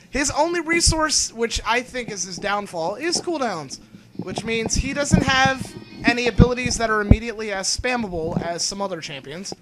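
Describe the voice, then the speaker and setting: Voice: medium pitch, expressive, moderate pace, over loud music, low-quality recording. A co-host chatting casually and jokingly about a video game with friends. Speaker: podcast co-host. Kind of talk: casual gaming commentary chat.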